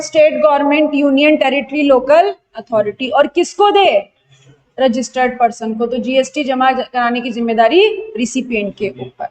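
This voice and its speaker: Teaching GST revision online, the young Indian tutor asks her class rapid questions and then answers them, blending Hindi with English terminology. Her voice is high-pitched and a little mellow.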